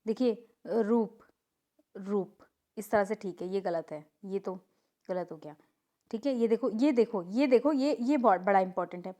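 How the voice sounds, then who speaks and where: A woman's voice: mid-range voice, unhurried, dark tone. A young woman teaching an exam-prep grammar lesson, drilling word pairs and answering her own questions. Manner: repeats "theek hai" to check in with students.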